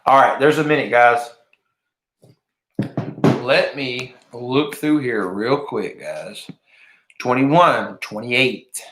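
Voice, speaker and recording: A man's voice: medium pitch, fairly bright tone. A man hosting a casual livestream, chatting informally with viewers and often repeating himself. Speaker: livestream host of a fishing giveaway. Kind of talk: casual live chat with viewers. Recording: roomy, echoing room sound.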